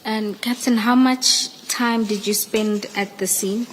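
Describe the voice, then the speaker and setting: Female evidence leader, South African, formal and flat in pitch, echoing room with faint noise. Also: takes it slowly. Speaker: evidence leader questioning a witness. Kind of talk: formal questioning at a commission hearing. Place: large indoor hearing room. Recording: echoey hearing room, background noise.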